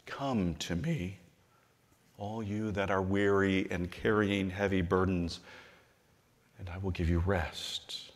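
Earnest bishop preaching in a reverberant hall. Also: male voice, low-pitched, steady tone. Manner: measured and earnest, slowing and softening on scripture. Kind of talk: sermon-style convention address. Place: large hall, at a lectern on a stage.

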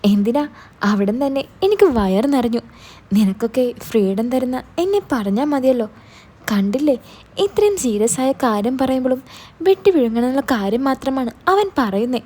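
A woman voicing an adult older sister in a spoken story, a quick-tempered schoolteacher who scolds her little brother but loves him. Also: a little high, lively intonation, mellow. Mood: scolding. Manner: scolding, exasperated, then tender.

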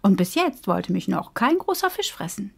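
A woman's voice: medium pitch, very animated, moderate pace, vocal fry, slightly rough, heavily acted. A woman voicing a cheerful, naive little fish trapped in a bottle, chirpy and carefree.

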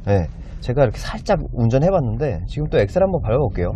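Man, thirties, used car salesman patter, polite and enthusiastic, casual walkaround presenting, mid-pitched, very varied intonation. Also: very animated, fast, noisy background. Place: inside a car and in an underground car park.

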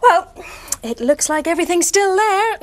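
A woman playing a friendly grown-up who reads a picture book aloud to children in a sing-song, expressive way. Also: very high-pitched, normal speed. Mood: cheerful. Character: friendly grown-up carer named Judy. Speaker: storyteller to children. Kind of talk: children's TV acting, reading aloud.

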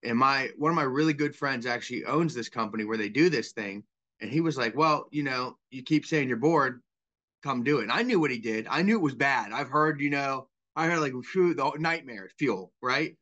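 A man's voice: mid-range voice, expressive, moderate pace, pushed and bright, muffled recording. A man in his thirties, a guest on a video call interview, telling his story in a candid, self-deprecating way from a small room. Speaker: guest, property cleanout worker. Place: small room indoors with bookshelf.

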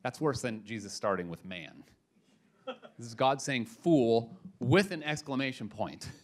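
A male pastor preaching a sermon, emphatic, moving between quiet asides and loud punches, with casual slang. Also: mid-range voice, animated, measured pace.

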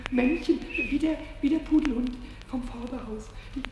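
A man's voice: very high-pitched, moderate pace, a little mellow, roomy sound, in a large hall, a little hiss or hum. An actor voicing a mischievous, childlike little male kobold in a vintage radio play, stammering, giggling, and jumping between whispers and squeals. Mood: hushed wonder, then excited, tender.

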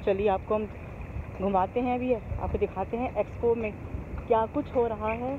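A woman's voice: fairly high pitch, steady tone, moderate pace, phone-quality sound, noisy background. A middle-aged woman vlogging outdoors in a park, chatty and cheerful, filming herself on a handheld phone camera and switching between English and Hindi. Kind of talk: casual vlog chat.

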